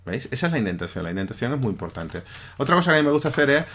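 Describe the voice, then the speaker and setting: A man teaches a programming lesson over a screen recording. He talks in a loose, conversational way and keeps checking that his students follow along. His voice sits at an ordinary middle pitch, with keyboard typing heard at times. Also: sing-song, very fast, fairly bright tone. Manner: conversational, often checks in with listeners.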